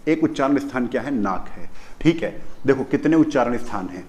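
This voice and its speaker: A man's voice: medium pitch, expressive, a little fast, a little mellow. A man teaching a grammar lesson in Hindi, who repeats key terms and keeps asking the children questions. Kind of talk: classroom lesson on pronunciation.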